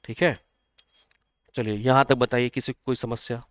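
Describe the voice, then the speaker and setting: Clear-voiced man teaching an online geography class. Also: mid-range voice, steady tone, moderate pace, no room sound. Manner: repetitive, checks on students, uses memory tricks. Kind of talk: live online exam-prep lesson.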